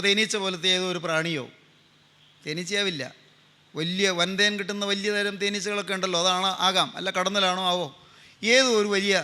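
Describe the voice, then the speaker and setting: A man's voice: high voice, bright, forceful tone. An older man preaching a sermon with a Malayali accent, telling a story fervently and repeating phrases in a pleading way.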